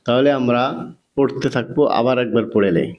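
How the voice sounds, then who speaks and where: A man with a Bengali accent teaching Quran reading, spelling letters out one by one in a measured recitation drill. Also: mid-range voice, darkish tone. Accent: Bangladeshi Bengali. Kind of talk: slow spelling-out recitation lesson.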